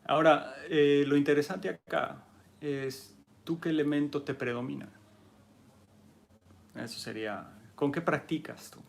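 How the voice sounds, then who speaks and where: A man's voice: fairly high pitch, a little slow, vocal fry, pauses often. A man with a Mexican accent teaching a martial arts class in a conversational way, often checking in with his listeners. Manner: conversational, keeps asking "¿sí?" to check understanding; acts out arguing people in a raised, mocking voice. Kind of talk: casual teaching talk.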